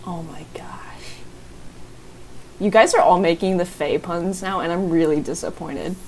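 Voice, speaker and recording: A woman's voice: fairly low pitch, moderate pace, darkish tone, slight background noise. A young woman hosting a casual live stream, self-deprecating and apologetic, often breaking into giggles. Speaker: streamer and tutorial host.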